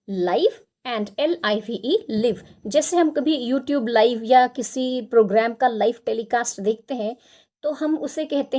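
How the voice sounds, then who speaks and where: A woman's voice: high voice, dark tone. A woman with an Indian accent teaching English vocabulary, spelling words out letter by letter and often checking in with "right?". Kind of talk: explaining lesson.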